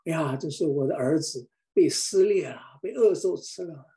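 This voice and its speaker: A distraught old father cries out in anguish, as a preacher acts him out in his sermon. The voice rises a little above the preacher's usual pitch. His lines come in pleading, broken exclamations. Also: moderate pace, mellow, close to an everyday voice. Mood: grief-stricken.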